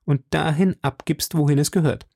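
A man's voice: on the high side, fairly even intonation, normal speed, gravelly, a little mellow, no echo, clean studio sound, pitched above the performer's own voice. A man reading an audiobook, voicing an anxious, secretive young wife in a raised, urgent voice. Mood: urgent, coaxing.

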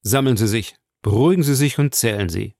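A man's voice: mid-range voice, no room sound, clean studio sound, close to an everyday voice. A man voicing a cool sardonic count. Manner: calm, sardonic, measured. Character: cool, ironic aristocratic count.

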